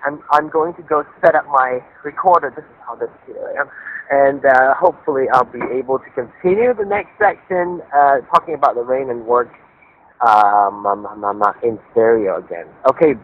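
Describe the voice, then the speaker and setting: A man talking over a clipped phone line into voicemail from his car, rambling with lots of fillers and restarts as a podcast host. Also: mid-range voice. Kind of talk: casual solo monologue. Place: inside a car in heavy rain. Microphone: phone call to voicemail.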